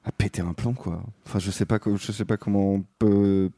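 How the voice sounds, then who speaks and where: A man's voice: on the low side, fairly even intonation, moderate pace, warm tone, no echo, studio quality. A man hosting a podcast, chatty and casual, often restarting his sentences. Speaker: podcast host.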